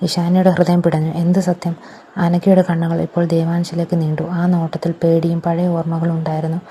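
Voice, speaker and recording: A woman narrating a scripted story in an even, steady reading. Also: lowish voice, fast talker, slight background noise.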